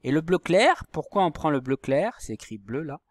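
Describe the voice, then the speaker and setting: A man's voice: fairly high pitch, big pitch swings, moderate pace, dry recording. A man teaching a lesson to young pupils, patiently spelling out letters and syllables. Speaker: primary school teacher. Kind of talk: recorded handwriting and reading lesson for young pupils.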